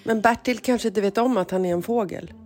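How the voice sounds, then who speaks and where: A woman co-hosting a podcast in casual chat, playful and quick to join the jokes. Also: mid-range voice, a little mellow. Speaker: podcast co-host.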